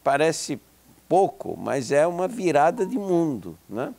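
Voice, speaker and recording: The guest, a psychology professor in his seventies from Israel whose first language is Hebrew, reflects slowly and hesitantly, restarting and using many fillers. His voice is a little high with big pitch swings, creaky and darkish in tone.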